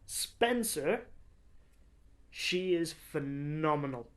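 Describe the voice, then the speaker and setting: A man's voice: fairly high pitch, expressive, extremely slow, a bit bright. A young man co-hosting a podcast, chatting casually and enthusiastically, rambling with lots of fillers. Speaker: podcast co-host. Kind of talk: casual chat.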